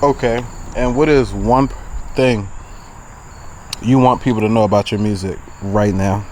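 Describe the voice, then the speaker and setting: A man's voice: fairly low pitch, fairly even intonation, moderate pace, a little mellow. A young American man asking questions as an interviewer in a casual, chatty style. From Maryland, United States. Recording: outdoors, clear background noise and insects.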